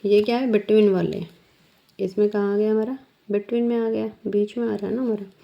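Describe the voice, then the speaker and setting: A woman teacher with a creaky, mid-range voice and fairly even intonation walks her students through shorthand step by step. She goes slowly and patiently, asking the class questions along the way. The recording has a dull, lo-fi sound.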